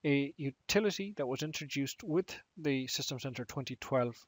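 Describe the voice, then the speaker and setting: Man, tech training lecture, measured and emphatic, mid-pitched voice, dry close recording. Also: expressive, dry recording.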